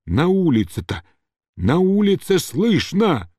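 A man's voice: a little high, big pitch swings, slow, dark tone, no room sound, clean studio sound, voice pushed up, exaggerated voice. A man voicing a frightened, whining middle-aged householder who wails and mutters in panic. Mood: panicked.

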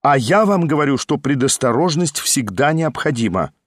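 A man's voice: mid-range voice, animated, moderate pace, dry recording, clean studio sound, natural voice. A man voicing an insistent, commanding woman hostess in an audiobook reading. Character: bossy fussy woman hostess, conspiratorial.

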